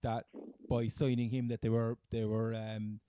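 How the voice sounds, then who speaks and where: Male podcast co-host, Cork accent, very soft mellow tone, close dry sound, halting casual sports chat. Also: mid-range voice, little pitch movement, clean tone, no echo. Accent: Cork, Irish. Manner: halting, hesitant phrasing.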